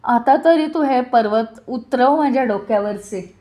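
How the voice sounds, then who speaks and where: A woman's voice: on the high side, measured pace, mellow, natural voice. A woman storyteller voicing an arrogant male deity now crushed and pleading for mercy.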